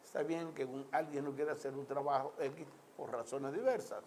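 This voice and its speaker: A man from the Dominican Republic speaks in a slightly high, steady, somewhat mellow voice at a moderate pace, with slight background noise. Addressing his audience on politics and society in a Caribbean Spanish accent, he is emphatic and oratorical, repeating lists and asking rhetorical questions.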